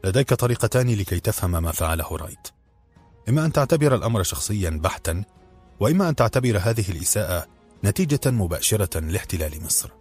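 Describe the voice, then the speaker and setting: A man voicing a friendly, earnest prince who mentors and gently scolds, in an audiobook reading. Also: fairly low pitch, quick pace, breathy edge, soft background music. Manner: calm, persuasive, gently reproachful. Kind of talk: audiobook character voice.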